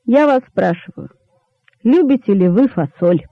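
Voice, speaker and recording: A man's voice: sits high, lively intonation, measured pace, no echo, full character voice. A man voicing a crafty, pompous elderly rabbit king who makes sly, stately speeches, in a storybook reading. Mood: sly, grandiose. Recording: dull lo-fi dry recording.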